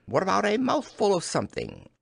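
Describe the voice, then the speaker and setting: A fussy, wary storybook rabbit, pitched high and swooping widely. He sounds clipped and evasive, a particular little householder. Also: wildly swooping pitch, brisk, gravelly, slightly rough, no room sound, studio quality, full character voice. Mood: fussy, cautious.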